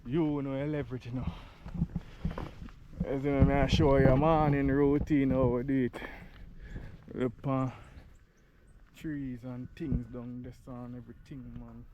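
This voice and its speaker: A man's voice: medium pitch, level tone, a little slow, long pauses, dull audio, noisy background. Breathless Jamaican man walking a hill. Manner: chatty patois, talking to camera while walking uphill. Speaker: vlogger. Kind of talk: casual walking vlog. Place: outdoors on a rural hill road.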